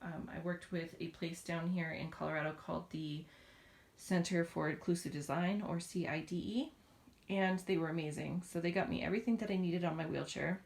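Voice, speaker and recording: A woman's voice: on the low side, steady tone, a little fast, creaky, husky. A woman in her thirties from the United States, chatting casually in a home vlog with frequent ums and laughs, a little winded. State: a little out of breath. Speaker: vlogger. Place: home room.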